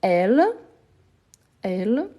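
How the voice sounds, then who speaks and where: A woman teaches French conjugation live and unhurried, with a mellow, warm tone. She is patient, repeats each word several times and keeps praising the people following along. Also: mid-range voice, lively intonation. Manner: slow, patient, repeats words and praises learners. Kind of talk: live online conjugation lesson.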